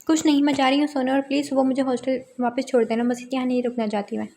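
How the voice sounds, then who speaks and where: A woman narrator voicing a hurt, angry young wife who answers in sharp, resentful retorts. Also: high voice, level tone, fast, a little hiss or hum.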